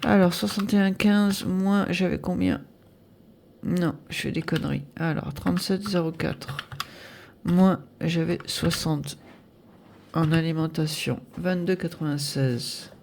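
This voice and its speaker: Woman, 50s, casual home vlogger, nasal and gravelly, chatty with lots of fillers. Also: on the low side, slow pace, darkish tone, slight background noise. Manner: chatty, hesitant, many fillers, thinking aloud while adding sums. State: nasal from air conditioning. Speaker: budget vlogger. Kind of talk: casual budget review to camera.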